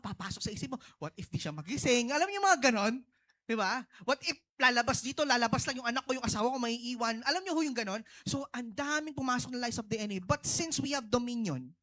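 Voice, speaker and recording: A man with a Filipino accent, a pastor preaching a sermon testimony in short bursts and mixing two languages, often checking with the congregation with "no?" and "di ba?". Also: very high-pitched. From Philippines. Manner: switches between Tagalog and English, asks the congregation "no?" and "di ba?"; talks in short bursts with big swings in loudness.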